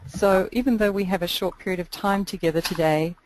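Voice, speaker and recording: A woman's voice: mid-range voice, fairly quick. A woman from Australia, a mentor coach beginning a webinar presentation in an earnest, appreciative way. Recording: noisy online call audio.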